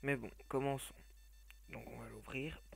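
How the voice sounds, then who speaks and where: A man's voice: mid-range voice, fairly even intonation, normal speed, vocal fry, a bit bright, slightly rough. A man reviewing phone game apps in a casual, hesitant voice-over, with blunt opinions, frequent fillers and restarts. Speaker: app reviewer.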